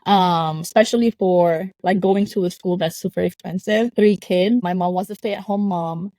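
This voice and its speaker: A woman's voice: on the low side, steady tone, moderate pace, warm tone, dry recording. A young woman from Lebanon, a podcast guest sharing her childhood in reflective casual talk, laughing often between phrases. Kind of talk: casual interview chat. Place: home.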